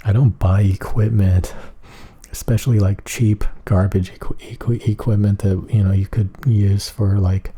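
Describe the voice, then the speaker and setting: A man giving a rambling ASMR talk in a flat, emotionless monotone, hesitant and meandering as he goes. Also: fairly low pitch, normal speed, husky. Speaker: ASMR video creator.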